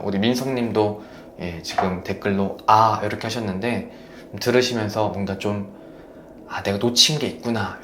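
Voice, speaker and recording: A man hosting a live stream on marriage, gently coaching and praising viewers as he reads their comments. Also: lowish voice, reverberant, slight background noise.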